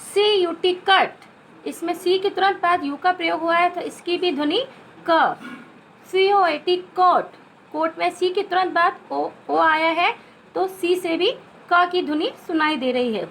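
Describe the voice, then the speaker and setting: A woman's voice: very high-pitched, measured pace, fairly bright tone, a little hiss or hum, poor audio. An Indian woman teacher giving a phonics lesson to children, spelling out letters and repeating each sound.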